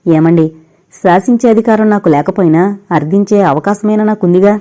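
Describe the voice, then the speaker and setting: A grieving young married woman pleads through tears with the man she still loves. A woman reads her aloud in an audio novel. Her voice is warm and mellow. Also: mid-range voice, a little fast, close to an everyday voice. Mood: tearful pleading. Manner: tearful, imploring.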